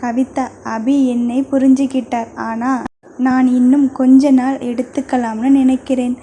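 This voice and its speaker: Female narrator playing a playful younger sister; flat melody, dark warm tone. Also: high-pitched, moderate pace, a little hiss or hum, close to an everyday voice. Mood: earnest. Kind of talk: audio novel reading.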